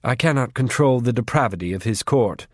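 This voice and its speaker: A man voicing a calm, orderly female faery queen who speaks in a cool, curt, composed way. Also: medium pitch, brisk, dry recording, clean studio sound, lightly acted.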